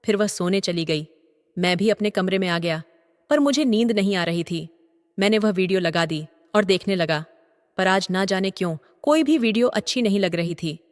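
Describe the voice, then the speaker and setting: An older man narrating a story in a steady, even reading voice. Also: sits high. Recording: long reverb.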